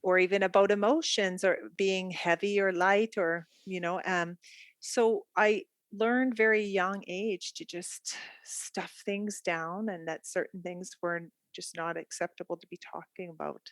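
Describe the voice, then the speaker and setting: In a dry recording, a middle-aged Canadian woman speaks a little slowly in a fairly low, steady voice. Appearing as a guest art therapist in a podcast interview, she talks with a Canadian accent, openly and reflectively, chatting and laughing easily.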